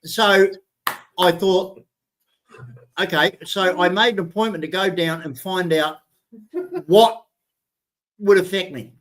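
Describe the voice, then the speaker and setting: A man holds forth in a casual streamed chat, voice sitting high for a man. He talks bluntly, swears freely, and trips over restarts as he makes his point. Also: takes it slowly, pauses often, fairly bright tone. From New Zealand. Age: 60s. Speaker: show co-host.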